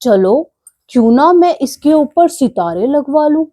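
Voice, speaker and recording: A cheeky, hot-tempered little rat from a children's storybook, voiced by a woman. He speaks high and bossy, boasting about himself and drawing out his threats slowly in a sing-song. The tone stays soft and mellow. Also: expressive.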